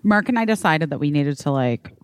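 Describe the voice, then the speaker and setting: A woman in her forties co-hosting a podcast, blunt and swearing freely as she retells things dramatically. Her voice is a touch low and recorded close and dry. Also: lively intonation, a little fast, clean tone, no echo. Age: 40s. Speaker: podcast co-host. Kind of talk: casual chat.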